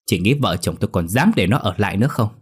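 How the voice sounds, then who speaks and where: A man voicing an indignant older rich father in a spoken ghost story, scolding in a husky, low voice. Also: lively intonation, quick pace. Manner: scolding, accusing.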